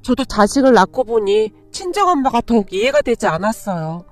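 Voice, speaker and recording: A woman narrating a first-person story in a steady reading voice. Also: fairly high pitch, fairly quick, no room sound. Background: faint background music.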